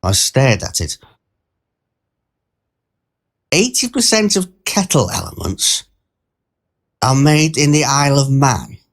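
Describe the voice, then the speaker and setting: Narrating an audio short story, a man gives a full character voice to a mild-mannered, bemused train passenger, his pitch sitting mid-range with a creaky texture. He speaks conversationally yet in wryly formal language, very animated but unhurried, drifting into pedantic asides. The mood is puzzled and musing.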